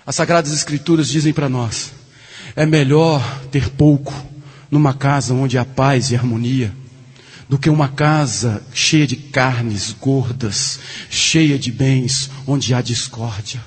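A man preaching a sermon, swinging between low earnest passages and loud joking bursts. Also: fairly even intonation, slow pace, slightly rough. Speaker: pastor. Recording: long hall reverb.

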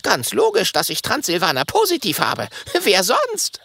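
A woman's voice: high voice, huge pitch swings, measured pace, gravelly, fairly bright tone, exaggerated voice. A woman voicing a tiny, boastful and nervous male digging dragon in an audiobook, stammering when scared. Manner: stammering, hesitant then boastful. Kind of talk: audiobook character voice.

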